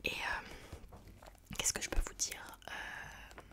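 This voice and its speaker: A woman talks entirely in a hushed, unvoiced library whisper. Her delivery is an informal ASMR book chat, breathy and soft, with a hesitant, searching way of putting things. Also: slow.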